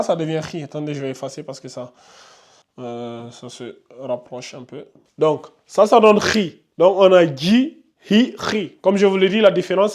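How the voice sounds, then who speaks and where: A man teaching beginners to read Quran letters, patient, with frequent fillers and repetition. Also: sits high. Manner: patient, repeats himself, many filler "donc" and "euh". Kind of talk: casual beginner lesson at a whiteboard.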